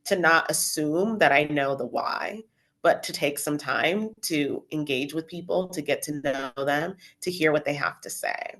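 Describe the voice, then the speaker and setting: Low-voiced woman moderating a panel. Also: unhurried. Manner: calm, summarizing and reading out questions.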